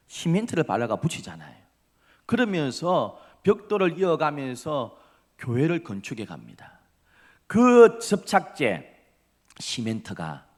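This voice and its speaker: A male pastor preaching a sermon, swinging from loud emphasis down to hushed whispers. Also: medium pitch. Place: church sanctuary.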